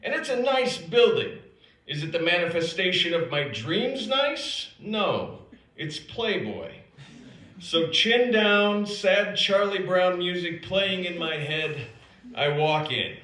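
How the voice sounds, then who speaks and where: A South Dakota man delivers his own true comic tale, scripted and performed live at an acting institute's indoor venue. The room is roomy and full of echo. Taking his time, he uses dramatic pauses and big shifts in pitch, poking fun at himself with dry wit.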